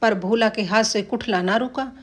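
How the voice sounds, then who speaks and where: Woman, storyteller, folk tale narration, slightly high voice, small shifts for characters. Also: moderate pace.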